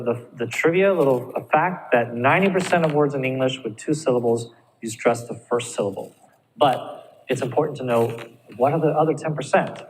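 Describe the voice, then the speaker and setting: A male ESL teacher giving a recorded speaking lesson, encouraging and often checking in with his students. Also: medium pitch. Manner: encouraging, checks in with frequent "all right?". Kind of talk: recorded classroom lecture. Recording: reverberant room with faint ambient noise.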